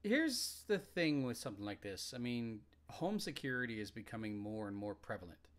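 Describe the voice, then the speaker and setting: A man co-hosting a casual talk show, speaking in a relaxed, rambling, joking way. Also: mid-range voice, moderate pace. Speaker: podcast co-host. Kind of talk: casual chat.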